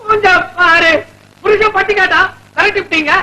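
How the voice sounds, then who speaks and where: An actor playing a flustered young husband in a classic film comedy, retorting in an exasperated way. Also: male voice, very high voice, fairly even intonation, moderate pace, sharp tone, exaggerated voice, poor audio. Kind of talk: 1970s Tamil film comedy acting.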